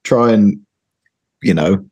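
A man with a hoarse voice chatting casually as a podcast guest, often repeating his words as he goes. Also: lowish voice, slow pace, dark tone. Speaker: podcast guest, football fan and reporter. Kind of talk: casual chat.

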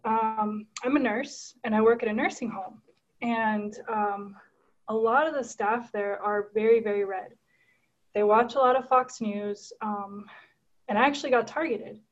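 A woman's voice: fairly high pitch, fairly even intonation, unhurried, lo-fi sound. A woman from Guatemala on a video call, telling a personal story in an earnest, casual way with many fillers and restarts. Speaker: caller.

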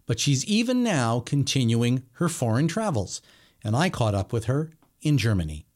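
A middle-aged man hosting a podcast, reading a measured, emphatic introduction and then chatting with his guest. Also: mid-range voice, sing-song, darkish tone. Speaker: podcast host. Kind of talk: scripted intro then conversational interview.

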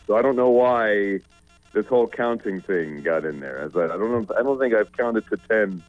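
Deeper-voiced guy on sports talk radio, kinda rambly and jokey, muffled dry studio sound. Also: animated, normal speed, faint music behind. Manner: joking, rambling, trails off and restarts. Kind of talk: casual sports radio banter.

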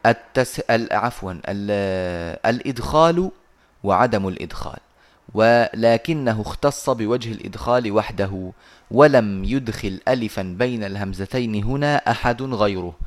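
A man teaching Quran recitation over a video call, patiently explaining and slowly reciting verses. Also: lowish voice.

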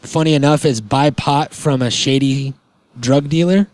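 A man's voice: medium pitch, measured pace, darkish tone, no room sound. A man hosting a podcast in casual chat, rambling and laid-back, with many "like"s and "um"s. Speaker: podcast host.

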